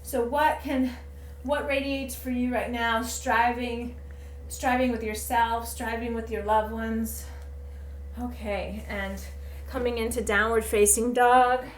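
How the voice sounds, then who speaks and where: A woman's voice: on the high side, flat delivery, takes it slowly. A woman instructor calling out yoga cues while moving along with the class, a little out of breath at times. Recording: roomy echo, faint ambient noise.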